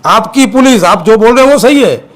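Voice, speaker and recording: A man from Gujarat, an activist guest, speaking forcefully and accusingly in a heated interview, repeating his points. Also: very high voice, lively intonation, moderate pace.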